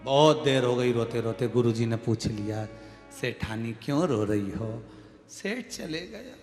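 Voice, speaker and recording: A man with a central Indian Hindi accent preaching a devotional sermon, telling a story with acted voices and swinging between hushed asides and loud, emphatic declamation. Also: medium pitch, fairly even intonation, a little slow. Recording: echoey hall with faint music.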